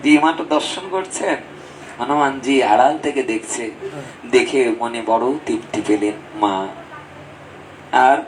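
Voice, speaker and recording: Man preaching a lively devotional sermon. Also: far from the mic, slight background noise, rough recording. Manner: lively, swings between high exclamations and low asides. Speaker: Bhagavat preacher.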